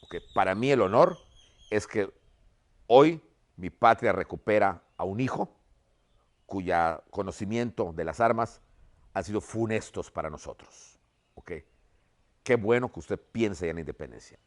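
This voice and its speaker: A man's voice: on the low side, expressive, measured pace, pauses often. A man voicing a humble male rebel leader who defers respectfully and pledges loyalty. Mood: humble earnest.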